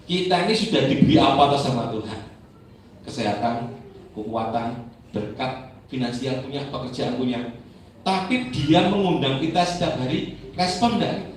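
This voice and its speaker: A man preaching a sermon as pastor, animated, acting out members of his church and children in raised voices. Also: medium pitch, moderate pace, a little hiss or hum. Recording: echoey church hall, mic at a distance.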